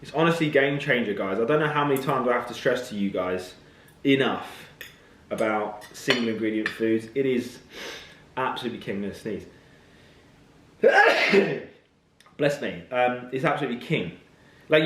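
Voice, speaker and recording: A man's voice: medium pitch, expressive, brisk, a bit bright, roomy sound, a little hiss or hum. A man, a fitness coach talking casually to camera, chatty and blunt. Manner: chatty, blunt, matter-of-fact. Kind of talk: casual vlog talk to camera.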